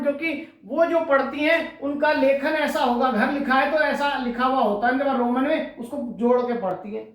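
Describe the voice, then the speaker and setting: A woman teacher giving an exam-prep lecture who asks her students questions and then answers them herself. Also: high voice. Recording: very echoey room, distant mic.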